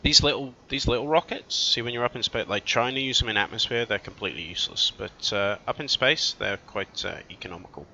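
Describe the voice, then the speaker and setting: A man's voice: medium pitch, fairly quick, creaky, few pauses, sharp tone. A man giving casual let's-play commentary, thinking aloud as he plays and often correcting himself mid-sentence. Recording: dull lo-fi recording.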